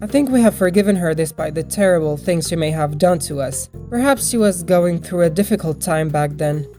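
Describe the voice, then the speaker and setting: A woman's voice: on the low side, animated, brisk, dark tone. A young adult woman narrating a personal story as a storytime video narrator. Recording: music bed behind the voice. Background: background music.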